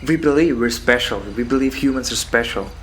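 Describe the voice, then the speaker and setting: Guy rambling philosophically by himself, halting and musing, mid pitch, faint noise with crickets behind him. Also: fairly bright tone. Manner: musing, halting, rhetorical questions and repeated phrases. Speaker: solo host of a philosophical talk. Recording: background noise with insect and cricket sounds.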